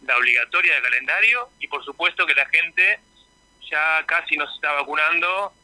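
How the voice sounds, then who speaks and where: Argentine guy, higher voice, explaining step by step on a radio interview, dry sound. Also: bright, forceful tone, no room sound, low-quality recording. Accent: Argentine Spanish. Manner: explanatory, informative. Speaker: health official.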